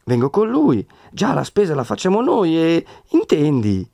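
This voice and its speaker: An excitable, anxious old peasant mother, put on by a male reader in a storybook reading. The voice rides higher than the reader's own and leaps about eagerly. The sound is dry and close. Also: vocal fry, no room sound, full character voice. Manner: excited, pleading, quick to exclaim.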